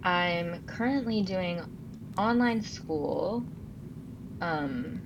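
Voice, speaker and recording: 19 y/o girl from california telling a story, keeps correcting herself, slightly low voice, faint hiss. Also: lively intonation, drawn-out words, highs cut off. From Los Angeles, California. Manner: chatty storyteller, detours and self-corrections. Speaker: podcast co-host. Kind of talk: casual storytelling chat.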